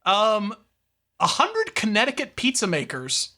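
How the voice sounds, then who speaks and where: Brief: male co-host, bright tone, rambling and profane. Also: high voice, wildly swooping pitch, unhurried. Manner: rambling, profane, reads news aloud. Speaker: podcast co-host. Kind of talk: casual chat.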